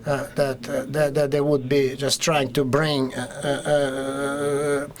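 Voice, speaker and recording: In a level tone at medium pitch, a Russian man with a Russian accent talks as a panelist in a conference discussion. He halts often, restarting and filling gaps.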